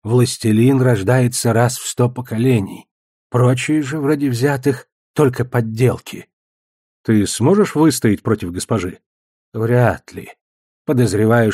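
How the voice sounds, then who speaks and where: Audiobook: musing older wizard, male narrator voicing him, mellow, husky and dry. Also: fairly low pitch, measured pace, no room sound. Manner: wandering, thoughtful.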